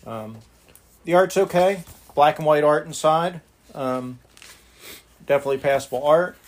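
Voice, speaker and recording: A man's voice: fairly high pitch, unhurried. A man speaking casually and informally as the host of a podcast, recorded on a phone.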